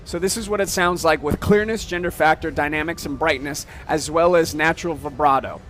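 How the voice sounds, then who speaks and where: A man giving a casual, step-by-step software demo at a trade show, often checking in with "okay?". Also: on the high side, a little fast. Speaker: software demonstrator.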